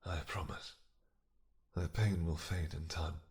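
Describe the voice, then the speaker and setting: A man's voice: low-pitched, fairly even intonation, slow pace, darkish tone, pitched below the performer's own voice. A man voicing a lovesick, possessive and menacing vampire king in a romantic fantasy audio roleplay, intense and dramatic. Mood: soft, controlling. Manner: intense, dramatic, swinging from snarls to whispers.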